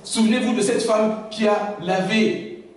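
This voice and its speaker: A pastor whose native language is Lingala preaches a sermon in a large, very echoey church, repeatedly asking the congregation whether they understand. His voice is fairly high, a little slow, and fairly even in intonation. He's heard from some distance, with faint background noise.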